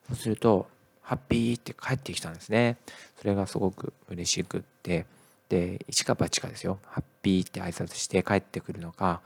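Low husky guy, gravelly, dry sound, chatting about his day with lots of fillers. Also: dry recording. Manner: relaxed, many "eh" fillers. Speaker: teacher. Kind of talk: casual podcast monologue.

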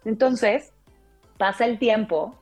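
A woman's voice: a little high, takes it slowly, soft background music. A woman with a Mexican accent, a radio announcer, telling a childhood story in a casual interview, peppering her talk with tag questions. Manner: lively anecdotal telling, frequent "o sea" and "¿no?" tags.

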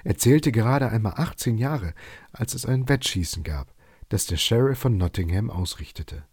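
Low, husky male bedtime storyteller. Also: no echo, clean studio sound. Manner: calm, even storytelling.

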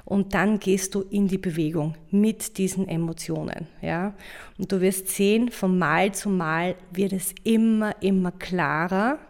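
A woman hosting a podcast, talking the listener through a self-help exercise in a casual, encouraging monologue and often checking in with a quick "ja?". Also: mid-range voice. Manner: warm coaching tone, addresses listener directly with frequent "ja?". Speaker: podcast host and hula hoop coach.

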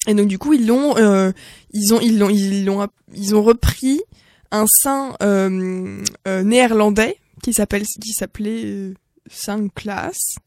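A woman of middle pitch talks in a lively, exclamatory way, tumbling through fillers and restarts as she tells anecdotes. Her voice is recorded dry and close. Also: measured pace, no echo.

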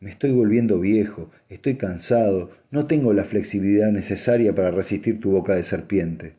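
A man's voice: on the low side, normal speed, mellow, lightly acted. A man reading an audiobook and voicing an aging, tired commodore who speaks with dry sarcasm. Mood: weary.

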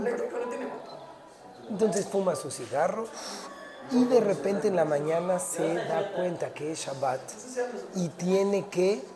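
A Torah teacher giving a short talk, animated, mixing in Hebrew terms and acting out little dialogues. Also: mid-range voice, slight background noise.

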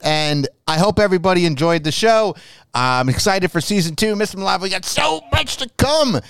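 A man co-hosting a casual wrestling podcast, blunt and animated, swearing freely. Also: high-pitched, moderate pace, gravelly, clear, resonant tone, no room sound. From Tampa Bay area, Florida. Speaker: podcast co-host.

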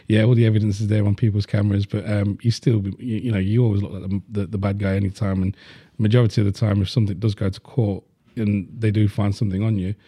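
A man's voice: fairly low pitch, little pitch movement, fast talker, dark tone, breathy edge, dry recording. A man, chatting bluntly on a podcast and swearing freely. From Leicester, England. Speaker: podcast host. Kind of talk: casual chat.

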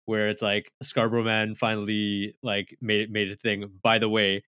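A man's voice: lowish voice, completely flat delivery, moderate pace, a bit bright, clean tone, no echo, clean studio sound. A man with a Toronto accent chatting casually as a podcast co-host in slangy urban street talk. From Toronto area, Canada. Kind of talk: casual chat.

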